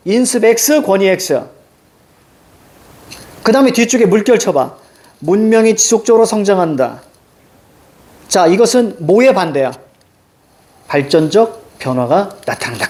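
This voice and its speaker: A middle-aged man teaching a reading lesson, emphatic and constantly quizzing his students with quick check-in questions. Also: high-pitched, lively intonation, a little mellow.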